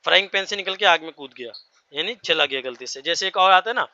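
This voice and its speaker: A man's voice: fairly high pitch, expressive, quick pace, bright, forceful tone, dry recording, dull audio. A man teaching English vocabulary to a class, explaining each word and checking that everyone follows. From India.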